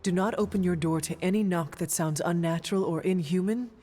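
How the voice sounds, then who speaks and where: An actress playing a calm, reassuring female mentor in a video game. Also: on the low side, faint music behind, close to an everyday voice. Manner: measured, reassuring.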